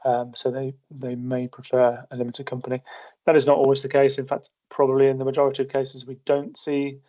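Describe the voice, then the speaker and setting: An accountancy partner presents a business webinar, explaining things methodically with many small restarts as he loses his voice and coughs now and then. His mid-range voice is mellow and completely flat, a little fast, on a muffled recording.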